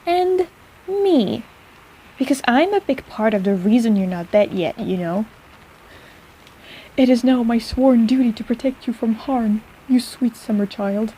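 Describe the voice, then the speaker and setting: An actress plays a young woman who runs an apothecary shop, warm, caring and easily flustered, chatting to the listener in an intimate personal-attention audio roleplay. Her soft-edged, slightly high voice sounds husky and animated as she rambles, halts and teases gently. The recording is rough.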